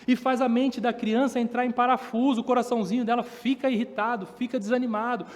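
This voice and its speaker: A man's voice: very high-pitched, level tone, quick pace. A man preaching a sermon in a church, building up emphasis and acting out voices of children and parents. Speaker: pastor. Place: church hall. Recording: long church reverb.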